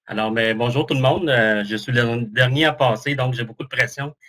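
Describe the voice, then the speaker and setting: A man with a Québécois French accent presents at a webinar over a video call. His voice is bright and forward, and his pitch sits in the middle. He talks in a chatty, self-mocking way, with plenty of "euh" fillers. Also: brisk. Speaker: employment and HR counsellor presenting.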